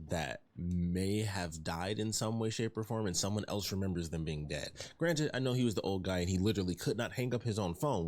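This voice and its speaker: A man giving casual commentary while he plays a video game. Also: low voice. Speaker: gamer commentator.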